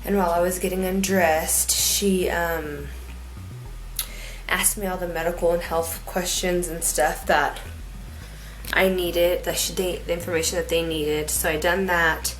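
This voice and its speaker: A woman's voice: fairly low pitch, flat delivery, a little slow, poor audio. A woman talking casually in a personal vlog, in a rambling, informal, folksy way. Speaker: vlogger.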